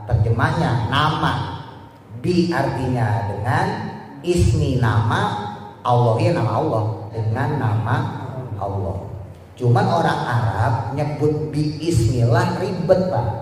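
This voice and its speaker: A man's voice: medium pitch, expressive, slow, darkish tone, slight background noise. A man, a religious teacher, gives a kitab study lesson in a casual, joking way, reading Arabic phrases and translating them one by one for the listeners. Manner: joking, talks directly to the listeners. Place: large hall for a public religious gathering. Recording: echoey hall from far off.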